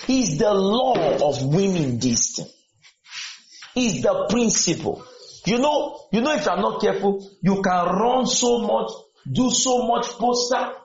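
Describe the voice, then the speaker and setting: A man preaching a sermon to students, firing questions at them and repeating his points. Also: high-pitched. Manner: questioning, exhorting, repeats lines. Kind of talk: sermon with call and response. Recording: echoey room, dull lo-fi sound.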